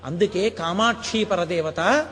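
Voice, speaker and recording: A man's voice: high-pitched, measured pace, fairly bright tone, big-room sound, soft background music. A man giving a spiritual discourse, telling stories with quoted dialogue and asking rhetorical questions, repeating words for emphasis. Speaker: religious discourse speaker.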